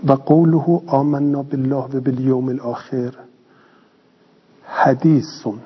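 A man teaching a lesson who reads a phrase slowly, then explains it quickly in plain speech, asking and answering his own questions. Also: mid-range voice, little pitch movement, breathy edge. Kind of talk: classroom lesson reading and explaining a text. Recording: lo-fi recording with long reverb.

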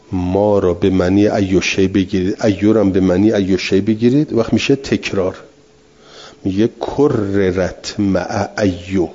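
A man lecturing a class in a low, mellow, slightly husky voice. He reads out a passage and then walks his students through it patiently, repeating the main point. The recording sounds dull and lo-fi. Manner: reads text aloud, then explains it patiently with repetition; answers students' questions directly. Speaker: teacher.

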